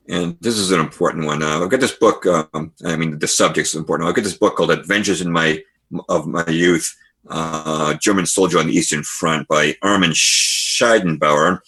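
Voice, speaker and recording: A man speaks as a guest author in a podcast interview, his voice low and husky. He explains history as a string of stories and stops to read passages from books. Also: a bit bright. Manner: storytelling, reads passages aloud from books.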